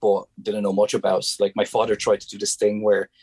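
Dry, low-voiced Hungarian man, hesitant. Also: monotone, brisk, a little mellow, husky, no echo. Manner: hesitant, searching for words, frequent restarts. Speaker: guest. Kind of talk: casual conversational interview.

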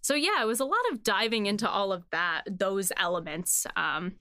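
A woman who writes for a series hosts a casual behind-the-scenes chat, speaking informally and often saying "like" and "you know." Her mid-range voice is pushed and bright at normal speed, recorded in studio quality with no room sound.

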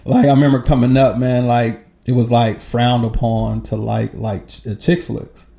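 A man's voice: mid-range voice, flat delivery, normal speed, creaky, dark tone. A man in his forties talking candidly in a casual podcast chat, swearing freely and laughing easily. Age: 40s. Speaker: podcast guest.

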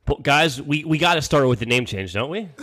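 A man's voice: on the high side, expressive, fairly quick, a bit bright. A young man hosting a casual sports podcast, chatty and full of ums. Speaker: podcast host.

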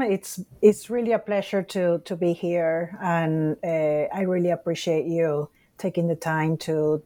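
A woman from Puerto Rico, an author, answering interview questions in a thoughtful, halting way. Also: fairly low pitch, dark tone. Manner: thoughtful, halting, many restarts. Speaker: author and guest. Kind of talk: podcast interview.

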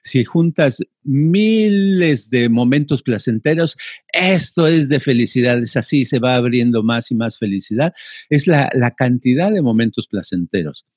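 A man's voice: mid-range voice, lively intonation, unhurried, a little mellow, no room sound. An older man, chatting casually and rambling, filling gaps with playful sounds. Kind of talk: casual conversation.

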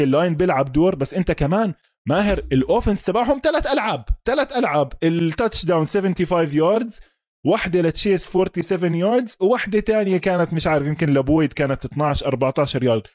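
A man's voice: on the high side, expressive, racing, a little mellow, dry recording, clean studio sound. A man with a Levantine Arabic accent co-hosts a casual American football chat, talking emphatically and mixing in English sports terms and checking questions. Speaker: sports podcast co-host.

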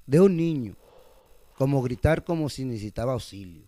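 A man's voice: mid-range voice, moderate pace. A young man, telling a story in a casual chat and mixing English words into his slang. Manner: animated, mixes English words into Spanish slang.

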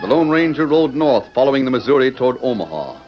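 A man's voice: mid-range voice, sing-song, quick pace, natural voice. An American man narrating a radio western in a grand, stirring, formal announcer's style. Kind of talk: dramatic 1940s-50s radio narration. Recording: dull vintage radio recording over music. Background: music.

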